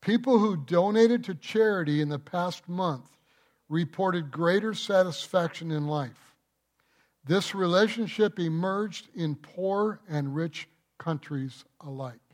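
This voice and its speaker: Male pastor, slightly high voice, unhurried delivery, emphatic sermon with rhetorical questions. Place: church.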